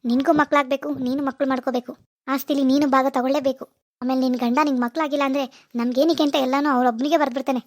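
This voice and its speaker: A woman's voice: sits high, fairly even intonation, rapid-fire, no echo. A woman voicing a doting, scheming middle-aged mother in a cartoon, who coaxes her daughter in a conspiratorial way. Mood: advising. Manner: coaxing, conspiratorial. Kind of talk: cartoon voice acting.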